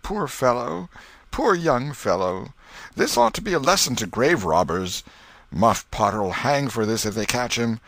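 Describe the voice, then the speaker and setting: A man voicing excited, judgmental small-town onlookers in an audiobook, exclaiming in a folksy way. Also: medium pitch, measured pace, gravelly, no echo, voice pushed up, exaggerated voice. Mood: pitying, scolding.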